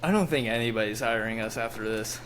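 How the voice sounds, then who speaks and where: A man's voice: on the low side, fast talker, a bit bright, a little hiss or hum. An American man co-hosting a podcast, chatting casually in a dry, questioning, offhand way. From United States. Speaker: podcast co-host. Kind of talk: casual chat.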